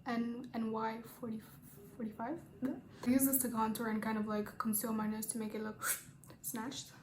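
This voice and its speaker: A young Rwandan beauty vlogger with a somewhat high voice does her makeup and answers questions in a casual get-ready-with-me chat. She talks flatly and evenly at normal speed, laid-back and rambling, with many fillers and casual swearing. The room is echoey, with a faint hiss underneath.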